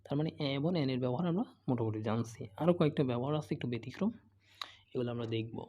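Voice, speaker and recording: Rapid-fire and warm, this man's medium-pitched voice walks through an English grammar lesson with patience. He repeats examples, asks his own questions before answering them, and frequently checks in with "okay?"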